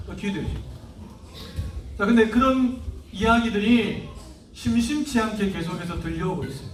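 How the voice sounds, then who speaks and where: A man preaching a lively sermon as pastor, acting out parents and teachers as he goes. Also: high voice, reverberant, distant mic, background noise. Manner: animated, acts out parents and teachers in quoted voices. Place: church hall.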